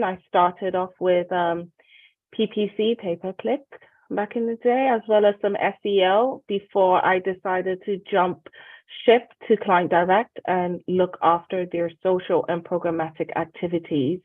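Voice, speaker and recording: A woman's voice: medium pitch, no room sound. A woman eagerly introducing herself as a panelist on a video call. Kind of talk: casual self-introduction. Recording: dry, tinny phone-like call audio.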